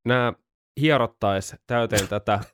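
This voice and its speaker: A man's voice: medium pitch, a bit bright, clean tone. A man co-hosting a podcast, explaining things in an easygoing, casual way. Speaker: podcast co-host. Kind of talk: casual chat.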